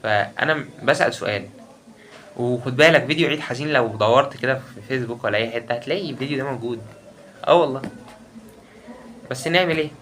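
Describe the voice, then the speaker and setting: A man's voice: medium pitch, fast talker, long pauses, fairly bright tone, slight background noise. A young man with an Egyptian Arabic accent, talking straight to his viewers in an emotional, repetitive vlog rant. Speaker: YouTuber. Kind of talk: ranting vlog monologue.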